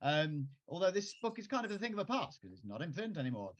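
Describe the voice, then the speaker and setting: A man's voice: sits high, big pitch swings, fast talker, muffled recording. A man, a children's author, talking casually on a video call and performing his own songs and raps at a piano. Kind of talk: casual talk with singing and rapping. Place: at a piano, home. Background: piano music.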